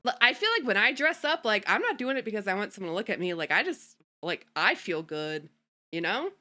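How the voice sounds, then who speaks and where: A woman streamer chatting casually at home, full of fillers and quick giggles. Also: mid-range voice, sing-song, bright, forceful tone. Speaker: streamer host. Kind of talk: casual chat.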